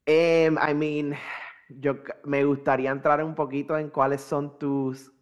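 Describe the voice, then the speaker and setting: A man with a slightly higher-than-average voice talks casually as a podcast co-host. He slips between Spanish and English mid-sentence and speaks bluntly, with profanity. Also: flat delivery, measured pace, clean tone. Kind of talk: casual movie review chat.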